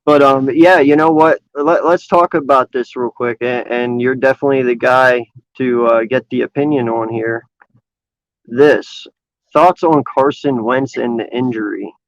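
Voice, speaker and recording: A man's voice: mid-range voice, fairly even intonation, unhurried, no room sound. A man in his thirties hosting a casual sports podcast, easygoing and chatty. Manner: easygoing, plugs the channel. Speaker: podcast host. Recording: dull lo-fi online call audio.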